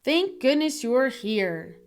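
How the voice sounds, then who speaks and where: A woman's voice: high voice, sing-song, takes it slowly, exaggerated voice. A woman voicing an earnest old Santa in trouble, in a children's storybook read-aloud. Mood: relieved, worried.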